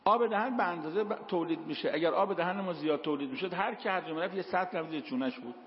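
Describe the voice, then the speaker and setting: A man preaching a sermon, telling stories and quoting verses. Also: high voice. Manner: storytelling, quotes Quranic verses. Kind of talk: sermon with told anecdotes. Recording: echoey hall, dull lo-fi sound.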